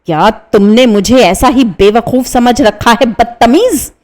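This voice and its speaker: A woman's voice: fairly high pitch, unhurried, darkish tone, close to an everyday voice. A woman voicing a wildly laughing, threatening madman with a grizzled beard in a one-reader radio play. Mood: menacing.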